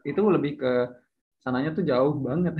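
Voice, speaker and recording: A man's voice: a little high, unhurried. Young man, casual and chatty, hesitant with fillers; muffled recording. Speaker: speaker sharing English tips. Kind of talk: casual chat. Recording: slightly dull lo-fi audio.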